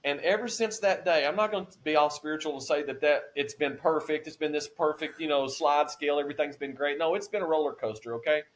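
Speaking quickly with few pauses, this podcast guest in his forties has a slightly high voice. His personal faith testimony is emotional and earnest, and his voice rises whenever he's moved.

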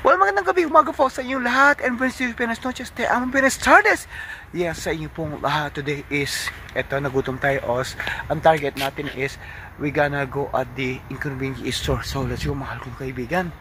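At night, a middle-aged Filipino overseas worker vlogs on a city street, holding his phone at arm's length, then heads into a convenience store. His voice is fairly high and fairly quick, and he chats cheerfully and animatedly, switching between Tagalog and English with loud, cheery greetings. Heavy street traffic noise runs through the recording.

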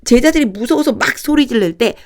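A woman teaching a lesson on reading the English Bible, explaining grammar patiently and reading verses aloud slowly, phrase by phrase. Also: fairly high pitch, expressive, darkish tone. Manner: patient, repeats and breaks sentences into chunks; reads English lines very slowly and deliberately.

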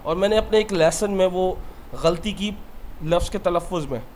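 A man's voice: high voice, normal speed, a little mellow, slight background noise. A man who teaches English and talks earnestly about his own mistakes in a motivational lesson.

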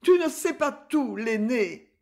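A man's voice: high-pitched, sing-song, takes it slowly, darkish tone, full character voice. A man voicing a grieving, desperate young peasant woman of about twenty, in a tearful, pleading, strained voice. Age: about twenty (figure).

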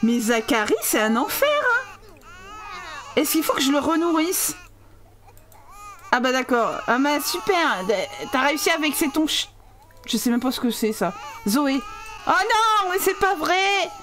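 A young woman with a high voice talks through a video game as a let's play commentator. She is excitable, laughs a lot and yells at the game with casual swearing. A faint hiss of noise sits under her voice. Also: measured pace, pauses often. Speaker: gaming channel host.

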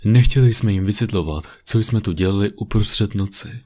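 A man narrating a creepypasta in a steady, even horror-story reading on a condenser microphone. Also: on the low side, faint music behind. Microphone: USB condenser mic.

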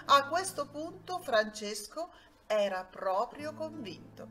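Female storyteller for children, soft and sing-song, high with wide swings, unhurried. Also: very animated, soft background music.

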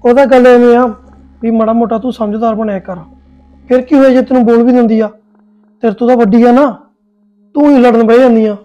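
A man's voice: very high-pitched, steady tone, a little fast, long pauses, mellow, muffled recording. A man playing an easygoing young husband in a joint family, placating both his wife and sister-in-law. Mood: calming. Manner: placating, peacemaking. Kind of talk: Punjabi family sketch acting.

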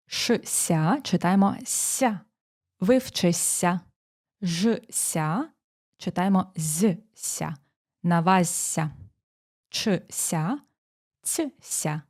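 A woman teacher explaining exam phonetics, pronouncing sample words slowly and walking through each rule step by step. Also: fairly low pitch, darkish tone. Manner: dictating sounds slowly, explaining rules step by step. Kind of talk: exam prep lesson.

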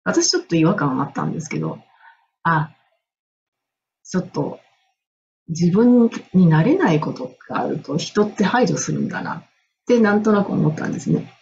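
A woman's voice: lowish voice, normal speed, gravelly, long pauses, slight background noise. Middle-aged woman from Japan, English coach, casual storytelling, enthusiastic, frequent laughs, muffled lo-fi sound. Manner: animated, enthusiastic, laughs often.

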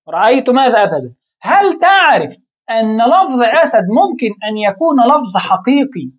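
A woman explains a lesson in a lively, up-and-down voice pitched a little high. She keeps asking rhetorical questions and answering them herself, sometimes stalling on a word. The recording sounds dull and muffled. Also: breathy edge. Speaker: Arabic grammar teacher.

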